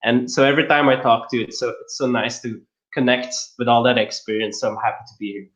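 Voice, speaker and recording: Here a fast-talking man from Belgium, a LinkedIn marketer being interviewed, lays things out casually one step at a time. His voice is medium in pitch, steady, and a bit bright, captured over a roomy, slightly dull online call.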